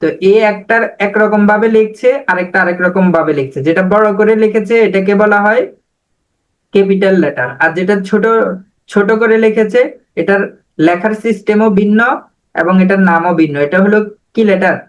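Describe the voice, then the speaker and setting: High-voiced man teaching an online class. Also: rough recording. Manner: patient, repeats words slowly for drilling. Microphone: video call.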